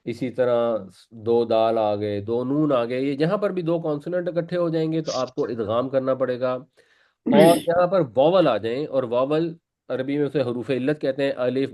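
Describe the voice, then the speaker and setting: A man's voice: mid-range voice, dull audio. A man teaching a Quran class, patiently explaining pronunciation and repeating words for his students. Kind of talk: classroom lesson.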